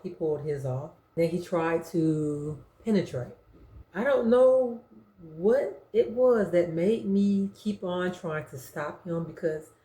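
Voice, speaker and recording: A middle-aged woman tells her own story in a blunt, slangy way, acting out what others said. Her voice sits a little low, with a soft, mellow tone. The room around her has a noticeable echo. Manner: frank, slangy and animated, acting out quotes. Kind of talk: confessional storytelling. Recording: roomy echo.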